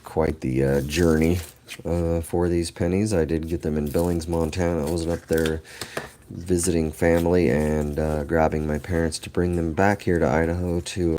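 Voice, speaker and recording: On his livestream, a middle-aged host chats casually with viewers, rambling and laughing a lot. His bass voice is mellow and sits lower than usual because of allergies. Slight background noise is present.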